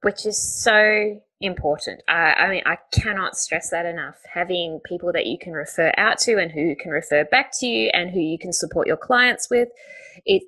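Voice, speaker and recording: A woman's voice: fairly low pitch, normal speed, sharp tone, poor audio. A woman hosting a podcast, upbeat and effusive, laughing easily as she talks with her guest. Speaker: podcast host. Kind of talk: casual interview talk.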